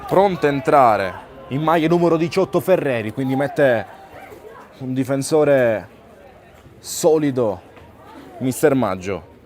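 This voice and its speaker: A man's voice: medium pitch, expressive, slow, pauses often, darkish tone. A man giving live play-by-play commentary on a football match. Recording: outdoor stadium crowd noise. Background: crowd at an outdoor ground.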